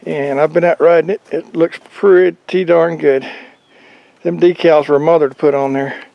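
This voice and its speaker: A man's voice: a little high, steady tone, moderate pace, gravelly, no echo, muffled recording. Folksy man giving a casual vlog update. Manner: folksy, rambling, plain-spoken. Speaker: motorcycle vlogger. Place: outdoors on a farm.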